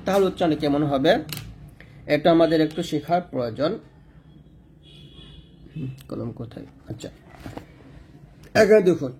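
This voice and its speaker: A man teaching Quran reading, slowly repeating letter sounds for drilling. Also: a little high, a little mellow, a little hiss or hum. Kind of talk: step-by-step recitation lesson.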